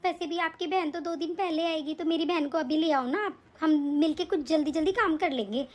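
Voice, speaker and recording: A woman voicing a cruel young daughter-in-law and mother in an animated story, speaking in a sharp, nagging, scolding way. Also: very high-pitched, fairly quick. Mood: complaining.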